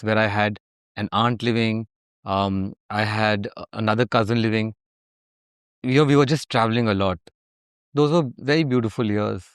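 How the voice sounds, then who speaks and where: A man speaks as an interview guest in a polished, upper-class Indian accent. His voice sits low and is clean and resonant. He answers conversationally and reflectively, with very little room around the sound. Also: clean tone, dry recording, clean studio sound. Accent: educated upper-class Indian.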